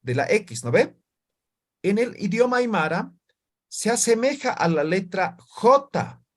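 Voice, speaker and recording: A man's voice: high voice, sing-song, takes it slowly. A man teaching an online language class, calling out single syllables for students to repeat back. He checks in with short tag questions after most sentences.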